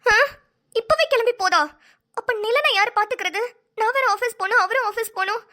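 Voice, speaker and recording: In this cartoon voice acting, a woman plays a fed-up daughter-in-law who is sarcastic and full of grumbling asides. Her voice is very high, bright and sharp, and her words tumble out quickly.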